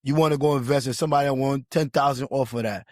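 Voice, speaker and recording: A man's voice: mid-range voice, steady tone, quick pace, no echo, clean studio sound. A man from Liberia hosting a casual podcast discussion, talking emphatically and repeating words as he builds his point. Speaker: podcast host.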